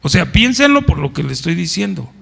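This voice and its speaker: A man's voice: sits high, very animated, a little fast, creaky, fairly bright tone. A middle-aged man with a Mexican Spanish accent, a pastor preaching in church in a conversational way and putting questions to the congregation. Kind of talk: sermon.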